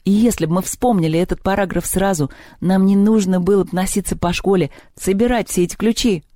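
Narrator playing a sarcastic irritable schoolboy, storybook audiobook, exasperated, mellow, dry. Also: medium pitch, fairly even intonation, fairly quick, no echo, lightly acted.

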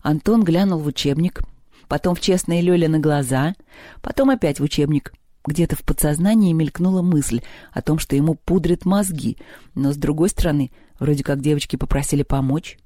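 A narrator reading a children's story aloud in a steady, expressive storytelling manner. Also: medium pitch, a little fast, no room sound, studio quality. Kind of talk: audiobook reading.

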